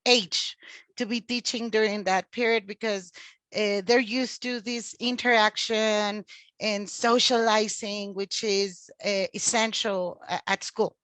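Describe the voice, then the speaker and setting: A woman's voice: medium pitch, steady tone, slow, a bit bright, no room sound. A woman in her forties from Mexico, a teacher talking as a podcast guest, chatty with many fillers and restarts. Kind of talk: casual interview talk.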